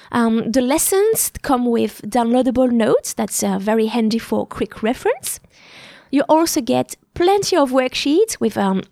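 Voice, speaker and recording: French-accented woman teacher with a gravelly edge. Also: on the high side, darkish tone, no room sound, studio quality. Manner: clear, explanatory teacher's delivery. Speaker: French teacher and podcast host. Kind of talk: podcast course promotion.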